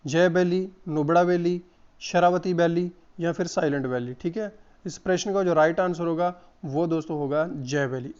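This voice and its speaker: A hoarse man giving an exam-prep lesson, repeating each answer and calling his viewers friends. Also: on the high side, darkish tone, lo-fi sound. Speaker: exam coach.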